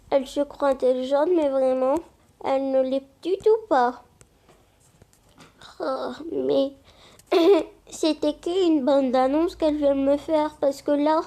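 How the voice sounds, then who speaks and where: A woman's voice: high-pitched, steady tone, takes it slowly, long pauses, dark tone. A young woman acting out a homemade drama, voicing every character herself in a playful way. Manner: playful, switching between characters. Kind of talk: acted homemade drama, one voice doing all parts.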